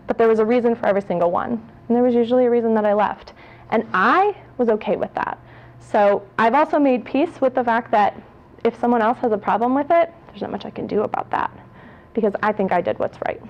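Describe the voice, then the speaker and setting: A woman in her late twenties gives a personal talk to an audience in a fairly high voice. She is candid and pokes fun at herself, with laughs slipping in often. The sound is muffled and lo-fi. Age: 20s. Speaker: speaker at a public talk.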